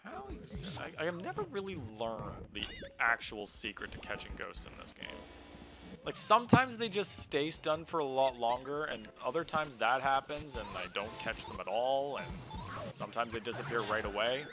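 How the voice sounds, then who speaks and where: A man's voice: mid-range voice, animated, normal speed, low-quality recording. A man giving casual, rambling commentary on a game livestream, often interrupting himself. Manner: chatty, rambling, self-interrupting. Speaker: streamer. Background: game music.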